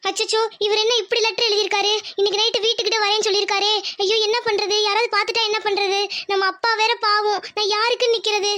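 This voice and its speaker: A woman voicing a shy, anxious young village woman in love, talking in a hushed, worried way. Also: very high-pitched, level tone, quick pace, few pauses.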